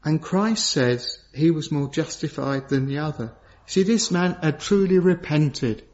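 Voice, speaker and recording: A man preaching a sermon in an earnest, solemn way. He repeats key phrases for emphasis and swings from raised, urgent questions to low, hushed gravity. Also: animated, measured pace. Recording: dull lo-fi sound.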